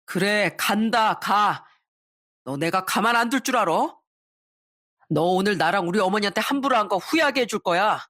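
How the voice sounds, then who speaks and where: Lady doing a blustery selfish husband, defensive and loud-mouthed, dry sound. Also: mid-range voice, expressive, normal speed, no room sound. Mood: threatening. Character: angry selfish middle-aged husband.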